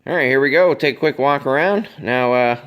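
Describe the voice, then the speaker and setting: A laid-back man talks a viewer around a project, his voice worn hoarse from a cold. His delivery rambles along with plenty of "uh" and "you know". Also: mid-range voice, fairly quick, fairly bright tone. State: has a cold, voice going hoarse. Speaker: vlogger. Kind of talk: casual walkaround vlog.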